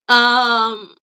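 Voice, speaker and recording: A woman's voice: fairly high pitch, sharp tone, dry recording. A Ugandan woman speaking as an interview guest, emphatic and insistent, repeating her points. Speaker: guest, activist. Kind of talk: interview, mixing English and Luganda.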